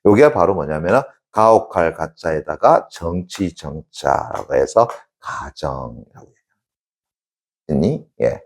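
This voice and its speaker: Gravelly, animated male teacher. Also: low-pitched, a little slow. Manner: constantly checks in with students, answering himself; animated storytelling, sound effects. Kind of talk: Korean classics lecture, storytelling.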